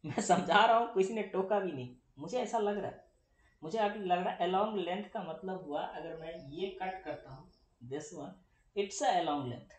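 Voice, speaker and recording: In an echoey classroom, a young man teaching physics lectures in a chatty way, asking his students questions and then supplying the answers. He speaks unhurriedly in a high-sitting voice.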